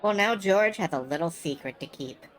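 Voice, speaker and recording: Lively, lowish-voiced woman streaming a game. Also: moderate pace, rough recording. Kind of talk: casual live game commentary.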